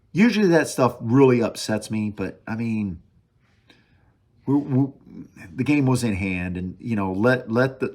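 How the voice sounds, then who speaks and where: A man with a mid-range, darkish voice hosts a sports talk show alone, casually reviewing a game as an opinionated fan. He thinks aloud and hammers home short phrases by repeating them emphatically.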